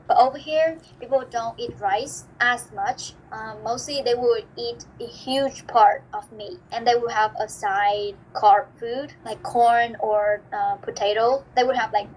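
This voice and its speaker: A woman's voice: a little high, a little hiss or hum, poor audio. A young woman from Vietnam, answering interview questions about studying abroad in a chatty way, full of fillers. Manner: chatty, many "like" fillers, animated quotes. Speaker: interview guest, student abroad.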